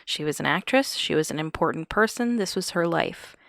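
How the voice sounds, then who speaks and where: A woman's voice: fairly low pitch, lively intonation, fairly quick, gravelly, a bit bright, no echo, clean studio sound. A woman hosting a podcast, recounting a true-crime case with wry, chuckling asides. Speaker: podcast host.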